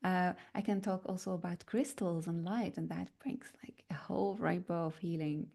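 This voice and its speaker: Mellow-voiced woman from North Africa. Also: fairly low pitch, steady tone, creaky. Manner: slow and searching, with many fillers and pauses. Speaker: spiritual teacher. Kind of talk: reflective spiritual talk.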